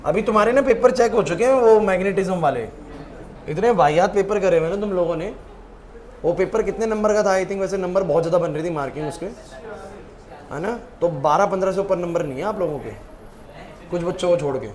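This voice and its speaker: A man's voice: high-pitched, brisk, a little mellow. A male teacher in a classroom, urging and scolding his students. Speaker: chemistry teacher.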